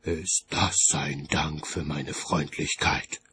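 A man voicing Death, an ancient, cold, skeletal male reaper, in a very deep, slow and measured delivery for an audiobook. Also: steady tone, sharp tone, slight background noise, exaggerated voice. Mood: cold, aggrieved. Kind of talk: audiobook character voice.

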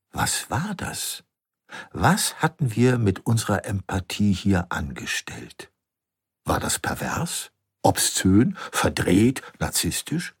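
A man's voice: lowish voice, husky, dry recording, studio quality. A man narrating a first-person audiobook, reflective, asking rhetorical questions and sometimes dropping to a whisper.

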